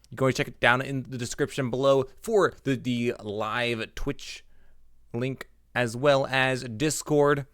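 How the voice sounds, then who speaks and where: A man's voice: mid-range voice, a bit bright, clean tone, dry recording, clean studio sound. A man livestreaming, chatting through a headset mic as he plays and reacts aloud to his game and his chat. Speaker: livestreamer and card game player. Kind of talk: live gameplay commentary.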